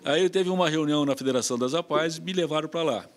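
A man, chatting as an interview guest in a halting, repetitive, anecdotal way. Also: a little high. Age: 60s. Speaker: guest, president of a charity association. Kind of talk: casual interview conversation. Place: small podcast studio, indoors. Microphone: tabletop microphone on stand.

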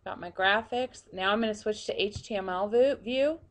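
A woman narrating a screen-recorded software tutorial, quietly talking through each step as she clicks. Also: medium pitch, moderate pace. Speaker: tutorial presenter.

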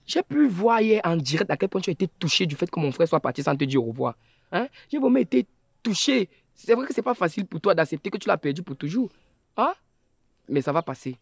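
A man's voice: high-pitched, sing-song, fast, gravelly, no room sound, studio quality, exaggerated voice. A man playing a preachy self-styled family head. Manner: preachy, sermonizing, keeps adding "hein?". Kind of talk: web series drama acting.

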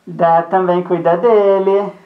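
Woman putting on a gruff, deep-voiced grandma. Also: little pitch movement, recorded from a distance, phone-quality sound. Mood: gruff, dismissive. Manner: slow, curt, deep put-on voice. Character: gruff, dismissive grandmother, mother of the young mom. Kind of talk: children's pretend-play skit. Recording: echoey room, voice off-mic.

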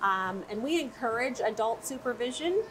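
Slightly high and animated, this woman's voice moves at normal speed and sounds a bit bright, though the recording is low quality and background noise is audible. As director of a children's museum, she gives an upbeat, casual interview about its play areas, using many fillers.

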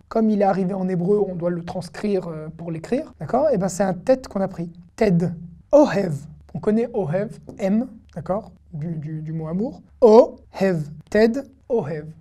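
A woman teaching an online language lesson in a mellow, warm voice. She sounds out each syllable slowly and patiently. She often pauses to check that her viewers are following. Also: mid-range voice.

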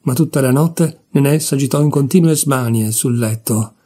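Mellow husky male storyteller. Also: medium pitch. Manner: measured, expressive. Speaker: reader of literature. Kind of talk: scripted narration of a novella.

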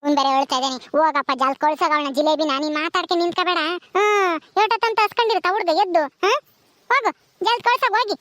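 A woman's voice: very high voice, steady tone, racing, a bit bright, slight background noise. A woman playing an ailing, bossy village wife in a comedy skit, with a rural Karnataka Kannada accent and a nagging, scolding manner.

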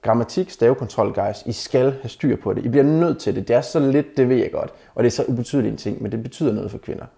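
A man's voice: mid-range voice, vocal fry, hardly any pauses, dark tone. A man giving casual dating advice to the camera, bluntly mocking the messages he critiques and calling his viewers guys. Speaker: dating advice video maker.

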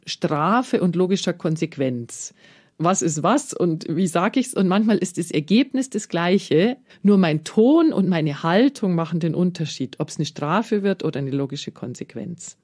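A woman talks as an expert guest on a radio program. She explains things calmly and clearly, and now and then acts out what a parent might say. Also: low voice.

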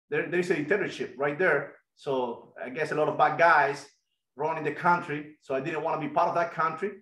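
A middle-aged man with a Cuban Spanish accent giving an energetic online math lesson and quizzing students over a video call headset. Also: a little high, reverberant, poor audio. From Cuba. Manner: energetic, asks students questions. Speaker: guest lecturer.

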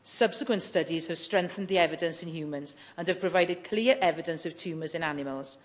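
A woman's voice: fairly low pitch, a little fast. A middle-aged woman, speaking as a member of parliament in a chamber debate, reading prepared remarks firmly and earnestly. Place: large wood-panelled debating chamber.

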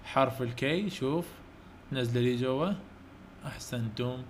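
A man's voice: medium pitch, moderate pace, a little hiss or hum. A man with an Iraqi Arabic accent teaching English letters to children in an online lesson, coaxing them to repeat and praising them often. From Iraq.

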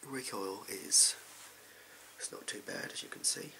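Heavily acted, his lowish, gravelly voice swoops wildly in pitch at a measured pace, bright and forceful, as a young English man whispers the role of a shady, amoral backstreet gun dealer. The sleazy patter is furtive, clipped and offhand, the mood furtive and casual, with slight background noise from a small home room and a mic close to the camera.

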